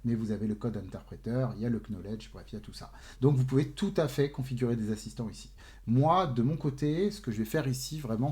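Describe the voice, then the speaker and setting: A man's voice: mid-range voice, dark tone. A man hosting a screen-share tech tutorial, explaining step by step, addressing viewers directly with frequent fillers. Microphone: desk mic with webcam.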